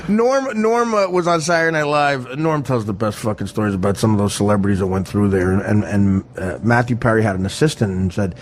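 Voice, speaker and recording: A man's voice: lowish voice, brisk, few pauses, noisy background. A man telling a comic anecdote in casual talk, stumbling over restarts and laughing. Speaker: comedian telling a story. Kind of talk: casual storytelling.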